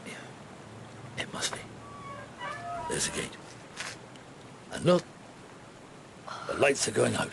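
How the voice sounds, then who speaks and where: An actor in a radio drama playing an avuncular, world-weary middle-aged police inspector who speaks in a measured, halting way. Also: male voice, mid-range voice, huge pitch swings, creaky, background noise, exaggerated voice. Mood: hushed, watchful.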